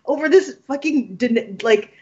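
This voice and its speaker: A woman in casual podcast chat about a film, animated and laughing, acting out quotes with casual swearing. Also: high-pitched, measured pace, husky. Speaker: podcast co-host. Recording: muffled lo-fi sound.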